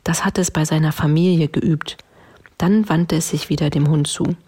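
A woman reading a children's story aloud with a gently wry manner. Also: low voice, steady tone, moderate pace, husky.

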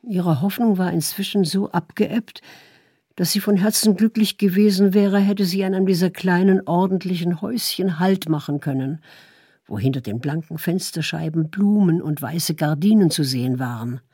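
A woman reading a story aloud in calm, measured narration. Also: lowish voice, husky, no room sound, studio quality. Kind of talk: audiobook narration.

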